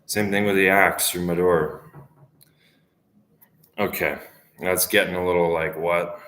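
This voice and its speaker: A man in his twenties with a deep, low voice rambles to the camera. His talk is profane and loose, often trailing off mid-thought. The sound carries the echo of a reverberant room. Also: steady tone, measured pace, fairly bright tone. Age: 20s. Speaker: vlogger. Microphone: camera facing speaker. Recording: echoey room.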